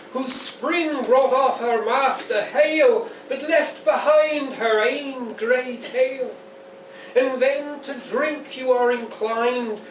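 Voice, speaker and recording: A man with a very high voice gives a public poetry reading at his book launch in a pub, beginning with a casual introduction. He reads in a wry, dry, unhurried way. The sound is distant and echoey, with the noise of a live room indoors.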